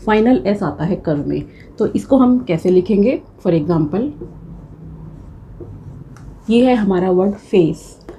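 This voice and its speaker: Female tutor, young, warm mellow tone, calm step-by-step lesson delivery. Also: medium pitch, a little hiss or hum. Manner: patient step-by-step explaining, mixing English terms. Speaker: shorthand teacher. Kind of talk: classroom lecture.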